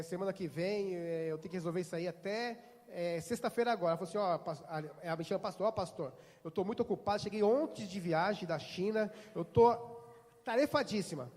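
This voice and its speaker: High-voiced Brazilian pastor preaching. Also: male voice. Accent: Brazilian Portuguese. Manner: storytelling, acting out dialogue. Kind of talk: sermon. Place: church. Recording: hall reverb.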